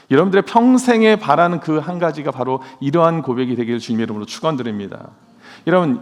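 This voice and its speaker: Male pastor, earnest sermon delivery, slightly high voice, reverberant sanctuary sound. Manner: earnest preaching, asks the congregation questions. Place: church sanctuary. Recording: long church hall reverb.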